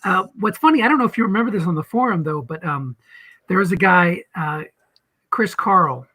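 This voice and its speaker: A man's voice: high-pitched, lively intonation, fairly quick, sharp tone, breathy edge, low-quality recording. A man co-hosting a casual league podcast, rambling with lots of restarts. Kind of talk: casual chat.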